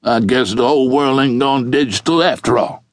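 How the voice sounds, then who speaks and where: A man voicing a tough, streetwise male ex-con with swaggering, gruff street talk. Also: mid-range voice, moderate pace, dry recording, clean studio sound, voice pushed up, close to an everyday voice. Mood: menacing.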